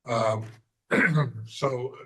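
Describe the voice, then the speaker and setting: A man presenting a plan at a zoning hearing, hoarse and halting, with many fillers and frequent throat clearing. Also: mid-range voice, fairly bright tone, low-quality recording. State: hoarse, losing his voice. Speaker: applicant's representative. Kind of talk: presenting at a remote board hearing.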